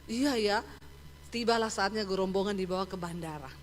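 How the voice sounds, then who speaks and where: A woman pastor, preaching in a lively, storytelling way and turning often to speak straight to her congregation. Her voice sits at a middle pitch. A long reverb rings through a hall. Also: brisk. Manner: animated storytelling with many asides to the congregation. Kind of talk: sermon. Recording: echoey hall.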